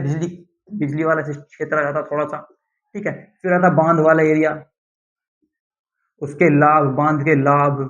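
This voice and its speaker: Fairly high-pitched and a bit bright, this male teacher from Uttar Pradesh, India, gives a lecture to his class. He repeats important terms and answers questions he raises himself. The audio is dull and lo-fi.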